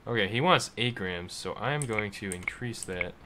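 A man casually commenting while playing a game, excitable and swearing freely, reading the game's dialogue aloud. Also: lowish voice, normal speed, noisy background. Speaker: gaming video host. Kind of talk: casual let's play commentary.

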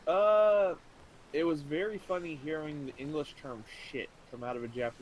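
A young man chatting casually with a friend over a game, relaxed and swearing freely. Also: fairly high pitch, brisk, a little hiss or hum, rough recording. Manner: laid-back, swears freely. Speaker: co-player, friend. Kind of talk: casual chat while gaming.

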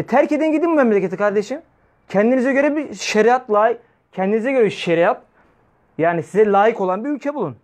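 A man's voice: high voice, darkish tone. A man preaching, scolding and fiery, throwing rhetorical questions at his listeners. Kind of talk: weekly religious talk.

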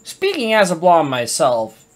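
A woman with a low voice plays through a video game and talks over it in a loose, casual way. Her pitch swings widely as she reacts, and she swears without a second thought. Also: wildly swooping pitch, unhurried, faint music behind. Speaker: let's play gamer. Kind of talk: casual gameplay commentary.

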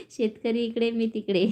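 A woman vlogger chats casually on a phone live stream, reading viewer comments aloud and laughing often. Her voice is fairly high-pitched with a dark tone.

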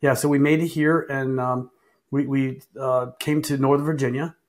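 Man, 50s, from Vietnam, soft-spoken, earnest, flat delivery, video call. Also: mid-range voice, normal speed, over a noisy crowd. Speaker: political candidate guest. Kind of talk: interview answers.

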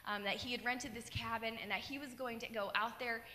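A woman's voice: on the high side, fairly quick, slight background noise. Earnest young woman telling her story on stage. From Colorado. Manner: earnest storytelling, animated gestures. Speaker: keynote speaker. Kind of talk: personal testimony talk. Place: large dark stage in an auditorium. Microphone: handheld mic. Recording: long hall reverb.

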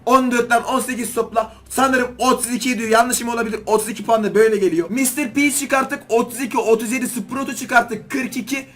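A man doing excited gaming commentary as a YouTuber, pleading with and scolding the game while opening loot boxes. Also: very high voice, brisk, hardly any pauses.

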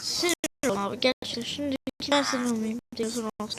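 A young gamer with a Turkish accent giving excitable, casual gameplay commentary and scolding the game characters. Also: medium pitch, quick pace, a crowd in the background. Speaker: gaming video creator.

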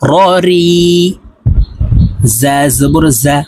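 A male Quran teacher with a Bangladeshi Bengali accent chants each syllable at an extremely slow, drawn-out pace and says it twice. His voice sits fairly high for a man. A faint hiss runs under the recording. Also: steady tone, creaky, a little mellow, poor audio. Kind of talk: slow drilled recitation lesson.

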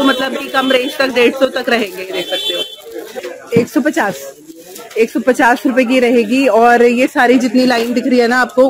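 A woman vlogging through a busy outdoor market, chatting casually with sellers, asking prices and repeating them for viewers. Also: high voice. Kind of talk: casual shopping vlog. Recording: loud crowd noise outdoors. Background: market crowd chatter.

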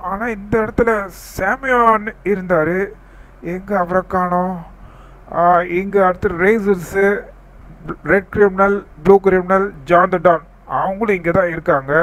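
A man's voice: sits high, fairly even intonation, unhurried, pauses often, fairly bright tone, poor audio. A man narrating a role-play game story, reassuring and explaining things in a playful tone.

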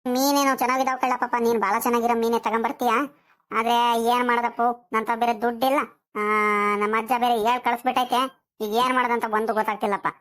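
A woman voicing a fussy, scolding old village grandmother in an animated comedy. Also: a little high, fairly quick, close to an everyday voice. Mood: coaxing. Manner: scolding, fussy, calls others "kalla paapa".

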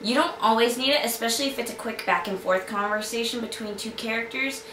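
A young woman with a slight Boston lilt and a fairly high voice talks through writing tips in a chatty, upbeat way, full of ums and restarts. She sits back from the mic in an echoey room with a faint hiss behind her. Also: quick pace, recorded from a distance. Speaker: young adult novelist giving writing tips. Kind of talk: casual tutorial talk to camera.

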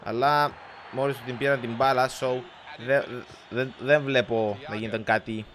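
A young man from Cyprus giving excitable live commentary over a football video game, swearing at the game and mixing in English slang. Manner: bursts into high shouting at goals. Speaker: gaming YouTuber.

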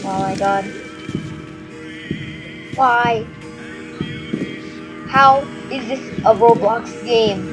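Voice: mid-range voice, drawn-out words, long pauses, poor audio. A horror game streamer, scared and jumpy, exclaiming nervously while playing. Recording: loud game music behind voice.

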